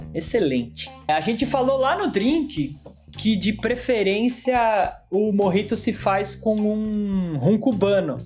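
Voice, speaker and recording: A woman's voice: mid-range voice, darkish tone. Woman co-hosting a casual podcast. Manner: informal, explanatory. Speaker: podcast co-host.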